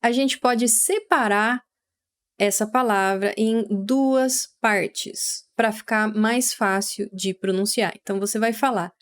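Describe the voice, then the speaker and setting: A Brazilian woman teaching English vocabulary, patiently explaining and repeating words slowly for pronunciation. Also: mid-range voice. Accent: Brazilian Portuguese.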